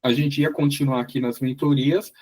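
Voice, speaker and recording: A man's voice: medium pitch, steady tone, moderate pace, darkish tone. A man with a Brazilian Portuguese accent leading a casual mentoring session over a video call, rambling and repeating his words. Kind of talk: casual group mentoring chat.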